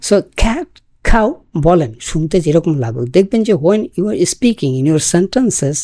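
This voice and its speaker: A woman from Bangladesh gives a spoken-English lesson, moving between Bengali and carefully drawn-out English phrases. Her voice sits a little low and mellow, the delivery unhurried. The recording is dry and close. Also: expressive, no echo. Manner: switches between Bengali and English, slow deliberate English examples. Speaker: English teacher.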